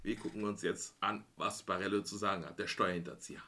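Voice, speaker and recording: A man's voice: sits low, flat delivery, quick pace, bright, forceful tone. A man in his thirties hosting a reaction channel, commenting casually in exclamatory slang from a small room.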